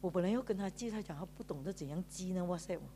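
A woman's voice: lowish voice, very fast, mellow, a little hiss or hum. A woman pastor with a Malaysian Mandarin accent, giving an emotional sermon testimony in a storytelling way, drawing out sentence particles and mixing in English words. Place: church.

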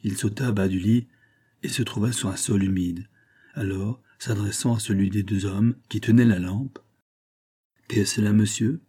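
A man narrating a classic novel in a steady, measured audiobook reading. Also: fairly low pitch, breathy edge.

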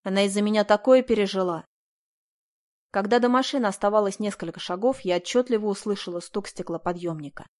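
A woman's voice: medium pitch, a little fast, darkish tone. A woman reading a first-person audiobook aloud, telling the story in a tense, earnest way. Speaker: audiobook narrator.

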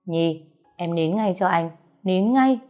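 A woman reading a gruff, tender young husband. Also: lowish voice, normal speed, highs cut off, natural voice. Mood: stern. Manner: scolding then soothing, plain speech. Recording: soft music behind the voice.

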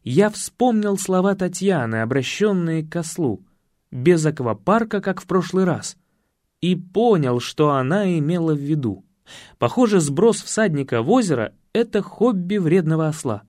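A man reading a comic story aloud, his voice rising and falling with expression. The recording is close and dry, with a slightly higher than usual pitch. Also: very animated, normal speed, a little mellow, dry recording. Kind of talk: audiobook narration.

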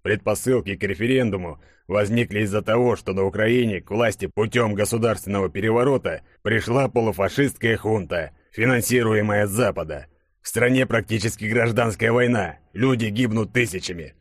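A man voicing a stern middle-aged chief who briefs his team in a grave, measured way. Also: lowish voice, no room sound, clean studio sound.

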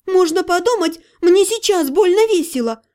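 A woman's voice: extremely high pitch, fairly even intonation, a little slow, mellow, voice pushed up. A woman voicing a young woman mage in an audiobook, heated and sarcastic in her retorts. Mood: indignant. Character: young woman mage, sharp-tongued and desperate. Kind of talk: audiobook character voice.

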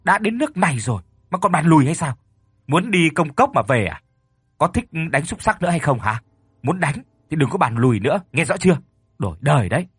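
A man's voice: mid-range voice, very animated, a little fast, fairly bright tone, breathy edge, dry recording. A man voicing a bossy, hot-tempered older brother who barks orders and scolds. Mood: scolding. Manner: barking, scolding commands.

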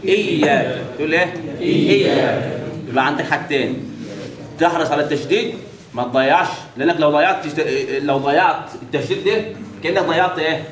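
Male recitation teacher, Egyptian accent, fairly high voice, quizzing his class, heard from a distance in an echoey hall. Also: crowd noise. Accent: Egyptian Arabic. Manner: quizzes the class with repeated questions and drawn-out recited examples. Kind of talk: classroom tajweed lesson. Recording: echoey room, mic at a distance, faint background hiss.

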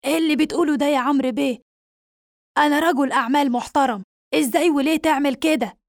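Anxious man pleading fast, a woman reading him out. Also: sits high, no echo, clean studio sound. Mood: indignant. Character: anxious male businessman, pleading and indignant.

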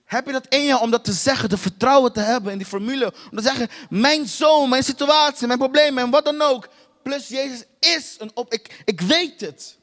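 A man with a very high voice preaches, hammering points home through repetition and direct questions to the congregation. His voice rings out in a large hall with a long, lingering reverb. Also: moderate pace, a bit bright. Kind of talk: sermon.

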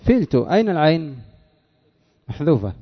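A man with a gravelly voice leads a classroom lesson, asking his students quick questions and answering them himself. He drags key words out slowly to drill them. The recording sounds dull and lo-fi. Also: on the high side, very animated. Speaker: Arabic morphology teacher.

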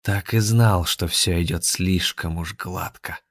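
A man's voice: low voice, slow, exaggerated voice. A man voicing a scheming villainous male grandmaster who leads a cult, venomous and commanding.

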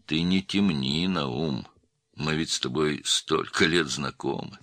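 A man voicing a pushy, hoarse gangster. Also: very deep voice, slow pace, a bit bright, dry recording, full character voice. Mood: pressing. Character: tense, pushy middle-aged male gangster.

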